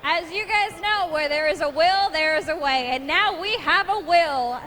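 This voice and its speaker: A woman's voice: extremely high pitch, moderate pace, pushed and bright. A woman emceeing a live competition with hype introductions like a fighting game announcer, over light event noise.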